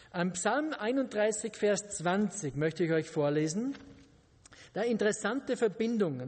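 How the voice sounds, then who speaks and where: A man preaches at an unhurried, deliberate pace, dropping joking asides to his listeners. His voice sits high for a man, and a long reverb from the church hall trails every phrase. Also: darkish tone. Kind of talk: sermon.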